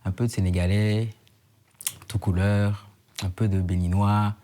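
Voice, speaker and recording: A man's voice: fairly low pitch, flat delivery, measured pace, warm tone. A man in his thirties from Côte d'Ivoire, a slam poet talking thoughtfully in an interview and repeating phrases for emphasis. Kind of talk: casual interview chat.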